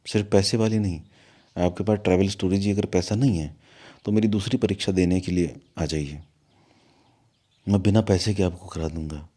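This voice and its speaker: Low, mellow man; spiritual teacher recounting an incident, animated and scolding in turns. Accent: Hindi, from north India. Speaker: guru of an ashram. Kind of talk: storytelling in an interview.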